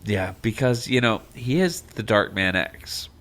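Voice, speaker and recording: Male podcast host, animated delivery, quick jokes, keeps the show moving. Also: fairly low pitch. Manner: lively, joking, runs the segments. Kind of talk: casual chat. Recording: uneven podcast audio.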